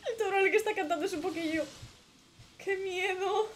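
Young streamer, high bright voice, reads game text aloud, chatty asides, desk mic. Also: female voice, very fast, slight background noise. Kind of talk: casual gameplay commentary.

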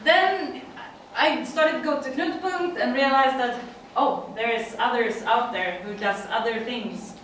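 A slightly high, somewhat bright female voice moves at a measured pace with few pauses, over slight background noise. The speaker, a middle-aged woman from Sweden with a Swedish accent, gives a chatty conference presentation in English, laughing often and using fillers. She's captured from afar by a room mic in a dim, echoey conference room.

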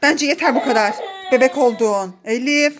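A woman's voice: high-pitched, normal speed, a loud crowd. A woman narrating a casual family vlog at home as a mother filming her children, playful and exclaiming, often laughing.

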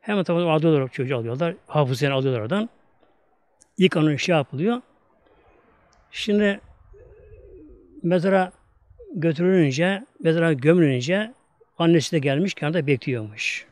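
A man's voice: on the high side, moderate pace, long pauses, darkish tone, dry recording. A man with a Turkish accent preaching, telling a story in an emphatic, repetitive way. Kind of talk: storytelling religious talk.

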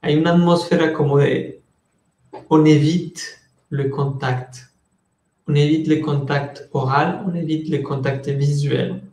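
A man teaching a French class in Spanish, slowly repeating words and switching between languages while calling on students by name. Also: a little high, fairly even intonation, a little mellow, roomy sound. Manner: slow, patient, repeats words to drill pronunciation.

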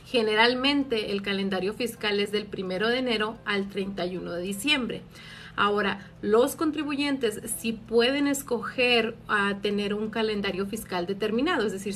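Filmed on a phone at arm's length in a small office, a Mexican woman working as a tax advisor responds to live stream viewers' questions, explaining things warmly and using many fillers. She speaks in a mid-range voice with a fairly bright tone.

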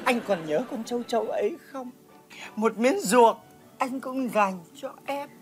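A woman playing a brash, loud-mouthed village woman with a Northern Vietnamese accent, in a stage comedy sketch. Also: animated, a little fast, music in the background. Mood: sentimental. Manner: theatrical, swings from sweet to shrill cursing.

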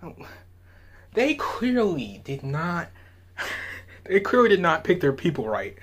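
Man, reaction host, slightly husky, rambling and chuckling. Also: a little high, sing-song, takes it slowly. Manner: laughs often, trails off with "I don't know". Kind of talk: casual rambling commentary.

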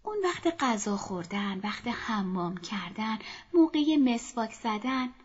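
A woman narrating a children's story in a soft, often half-whispered voice, speaking to children, in a dull lo-fi recording. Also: on the high side, lively intonation, husky.

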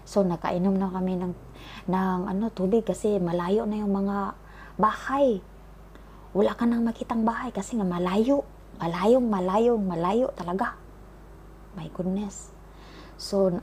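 A woman's voice: on the low side, darkish tone, slight background noise. A woman telling a childhood story to her viewers in a casual vlog, talking chattily with lots of fillers and often calling them guys. She is recording outdoors by the seaside. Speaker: vlogger.

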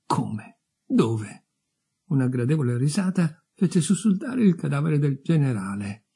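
Male audiobook narrator, warm and husky, measured. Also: a little high, very animated. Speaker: audiobook reader. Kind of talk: literary reading.

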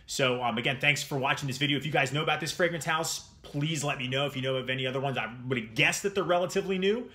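A man's voice: medium pitch, quick pace, hardly any pauses, sharp tone. A young man from New Jersey in a small room at home, giving a rambling, enthusiastic casual review of a fragrance straight to camera. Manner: enthusiastic, rambling, repeats words.

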